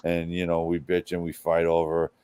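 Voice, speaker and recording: A man's voice: deep voice, monotone, normal speed, dark tone, smooth, dry recording. A man in casual chat, blunt and given to rambling.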